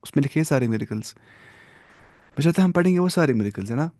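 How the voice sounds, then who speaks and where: A man's voice: on the high side, animated, warm tone, no room sound. A man teaching a religious lesson, asking his listeners questions and repeating key terms as he explains them. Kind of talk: classroom lesson on hadith.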